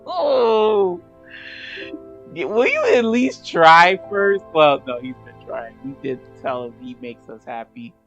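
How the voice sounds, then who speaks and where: A woman's voice: low-pitched, lively intonation, moderate pace, few pauses, highs cut off, faint music behind. Sleepy, sassy woman narrating a game. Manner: sassy, joking asides to the characters. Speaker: game streamer. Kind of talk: casual let's-play commentary.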